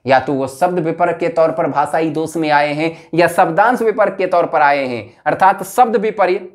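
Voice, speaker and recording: Higher-pitched male teacher. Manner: explains step by step, asks and answers his own questions; repeats example words slowly, syllable by syllable. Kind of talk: exam-prep language lesson.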